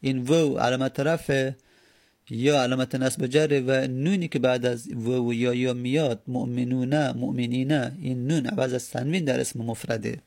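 A man's voice: mid-range voice, steady tone, gravelly, darkish tone. A man teaching Arabic grammar, explaining patiently step by step and repeating his examples. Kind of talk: explaining lesson.

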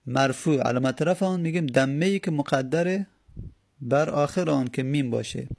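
A man with a gravelly, creaky voice gives a grammar lesson. He explains each point patiently, often posing a question and then answering it himself. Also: on the high side, darkish tone. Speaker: teacher of Arabic grammar.

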